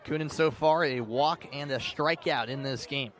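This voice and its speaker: A sports announcer with a mid-range, a bit bright voice speaks at a moderate pace during a live outdoor radio broadcast from a ballpark or sports field. He details what is happening on the field and raises the intensity for big plays, with faint background noise in the mix.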